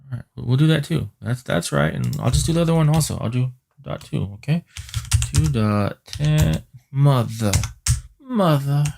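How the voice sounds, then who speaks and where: A man's voice: fairly high pitch, normal speed, creaky, warm tone, slight background noise. A man teaching a live-streamed IT class, muttering and grumbling at the computer while he reads out network addresses as he types. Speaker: IT instructor.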